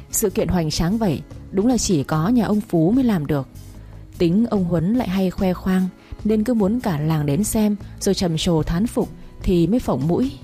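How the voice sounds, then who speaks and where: A woman narrating a story in a steady, even way. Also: on the low side.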